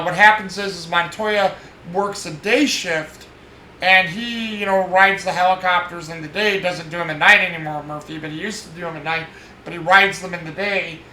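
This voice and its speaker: This movie podcast host's voice is high-pitched, bright and forceful as he meanders through a relaxed review, restarting often and leaning on fillers while recounting scenes. An echoey room adds faint noise.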